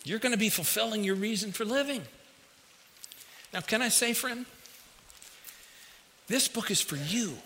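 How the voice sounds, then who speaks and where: A man with a fairly high, bright voice delivers a folksy, conversational sermon straight to his listeners. His speech is slightly affected by a dental retainer he is wearing. The sound carries the long reverb of a big hall. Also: unhurried, long pauses, a little hiss or hum. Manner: folksy, direct address to listeners with anecdotes. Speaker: preacher. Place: large hall, speaking to a congregation.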